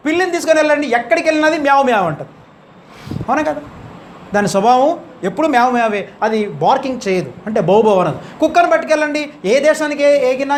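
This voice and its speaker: High, fast-talking man preaching a sermon. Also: slight background noise. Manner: emphatic rising questions to the congregation.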